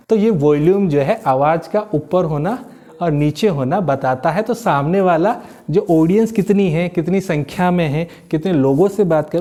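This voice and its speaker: Warm in tone and sitting high, a man's voice carries a motivational lesson on communicating well. He lays it out step by step with ordinary examples, repeats key terms for emphasis, and blends English phrases into what he says.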